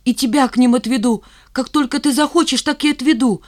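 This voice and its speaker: A woman's voice: high voice, fairly quick, voice pushed up, natural voice. A woman voicing an earnest, pleading schoolboy. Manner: eager, pleading. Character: teenage boy, remorseful and earnest.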